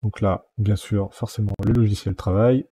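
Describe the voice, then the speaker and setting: A man hosting a screen-recorded software tutorial, explaining each step plainly with many small fillers. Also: fairly low pitch, steady tone, normal speed, slightly rough.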